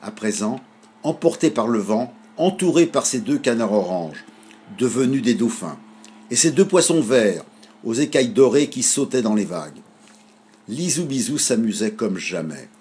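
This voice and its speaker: A man reads a children's storybook aloud, animated and expressive. His voice sits at a middling pitch with a husky grain. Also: moderate pace.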